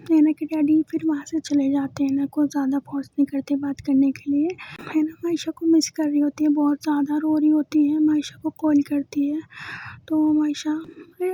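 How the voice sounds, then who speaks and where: High, flat-voiced woman storyteller. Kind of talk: story narration. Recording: dull lo-fi sound.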